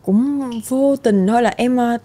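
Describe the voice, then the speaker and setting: A woman's voice: a little high, unhurried, mellow. A young woman, a podcast guest talking candidly and laughing easily in casual chat.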